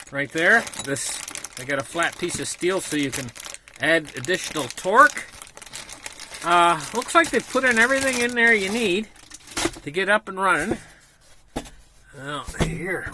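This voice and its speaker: A man's voice: a little high, background noise. A man giving a casual, unscripted product walkthrough from inside a small camper trailer, talking in a folksy way and often restating his points. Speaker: vlogger presenting a product unboxing.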